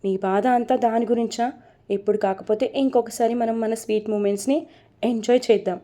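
A woman voicing a gentle young man in a storybook romance, speaking to his pregnant partner in a soft, reassuring way. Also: fairly high pitch, fairly even intonation, fairly quick, lightly acted. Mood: tender.

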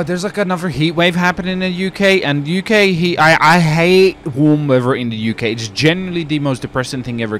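A man's voice: mid-range voice, a little hiss or hum. A young man from the UK chatting casually while roleplaying in a driving game, rambling and saying "dude" a lot. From United Kingdom. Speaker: roleplay streamer.

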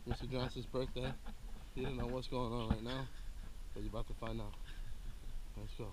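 A man filming his friend's birthday surprise outdoors, talking loud and teasing to camera. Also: mid-range voice, little pitch movement, normal speed, background noise. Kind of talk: hyped casual chat to camera. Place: outdoors at dawn, near a gym.

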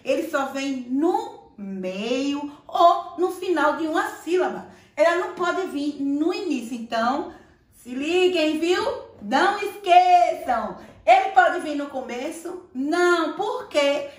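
A woman's voice: high voice, expressive, slow. A Brazilian woman teacher giving a playful, affectionate lesson to young children. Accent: Brazilian Portuguese. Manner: playful, affectionate, sing-song teacher talk. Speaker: primary school teacher. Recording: echoey room, voice a bit far from the mic.

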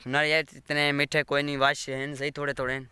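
Strolling outdoors through his farm fields, this Saraiki-accented vlogger from Pakistan films a casual walking vlog on his phone, chatting loosely and asking people to subscribe again and again. He talks fairly quickly in a bright, very clear voice on the high side, keeping his tone level. The sound is close and dry, with no echo.

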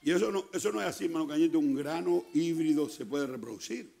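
A Chilean man preaching a sermon as pastor, emphatic, often repeating words and punctuating them with "amén", building up to shouts. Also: a little high, a little fast, gravelly.

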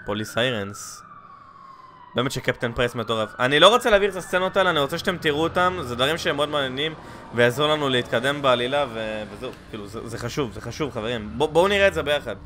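Excitable young man, gunfire behind. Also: on the high side, a little hiss or hum. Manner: excitable, bursts into loud exclamations. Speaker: gaming channel host. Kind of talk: let's play commentary. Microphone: headset. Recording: gunfire and game sounds loud behind.

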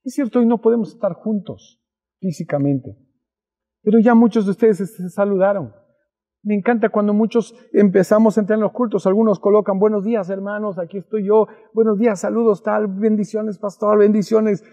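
A man's voice: high voice, fairly even intonation, brisk, dark tone. A man with a Peruvian accent preaching a youth sermon as pastor, emphatic and repeating his key phrases. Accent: Peruvian Spanish. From Peru. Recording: dull muffled sound with long reverb.

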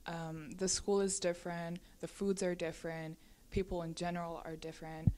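Calm teen girl from Lithuania. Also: on the low side, normal speed, background noise. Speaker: exchange student. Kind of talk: casual interview answers.

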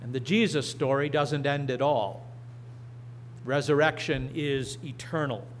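A middle-aged man preaching and reading scripture from a church lectern, slow and deliberate with emphatic rises. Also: medium pitch, a little hiss or hum. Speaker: pastor. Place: church sanctuary. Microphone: lectern microphone.

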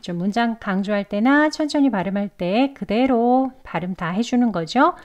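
A woman teaching English pronunciation, explaining patiently step by step and drawing out model words slowly. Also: a little high, animated, dull audio. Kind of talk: pronunciation lesson.

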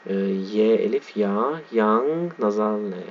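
A man with a somewhat low voice teaches a lesson, reading slowly and spelling words out letter by letter. The recording sounds dull and lo-fi. A faint hiss sits in the background. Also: expressive. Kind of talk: reading and explaining a text.

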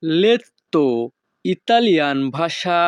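A man teaching vocabulary in a slow, repetitive drill, saying each word and then its meaning. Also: a little high, expressive, no room sound. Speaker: language teacher.

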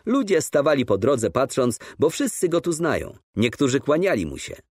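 A man narrating a classic novel as an audiobook in expressive, measured storytelling. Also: mid-range voice, breathy edge, dry recording, studio quality. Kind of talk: scripted literary narration.

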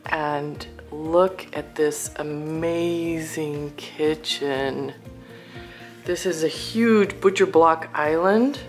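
Drawing out her words in a low-sitting voice, a woman acting as realtor walks through a furnished house that's for sale, casually exclaiming over what she admires. The tour was filmed indoors on a handheld camera, with faint background music.

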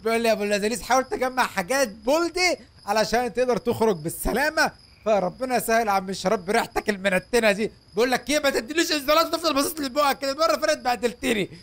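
A young man with an Egyptian Arabic accent giving excitable, joking let's-play commentary as a gaming host, talking to viewers. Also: very high voice, rapid-fire.

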